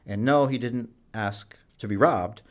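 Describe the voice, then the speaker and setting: A medium-pitched man speaks unhurriedly in a conversational interview about his work as a doctor at a jail HIV clinic. He tells anecdotes with animation, acting out the dialogue he quotes.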